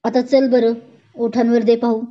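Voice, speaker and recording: A woman's voice: fairly high pitch, flat delivery, measured pace, lightly acted. A woman doing a teasing young lover. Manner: coaxing, teasing, childlike. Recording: dull lo-fi recording.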